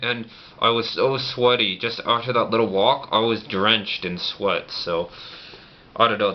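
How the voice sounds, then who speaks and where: A man chatting casually in a personal vlog, talking through teeth held together by a banded-shut jaw. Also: fairly low pitch. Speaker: vlogger. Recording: muffled lo-fi audio, clear background noise.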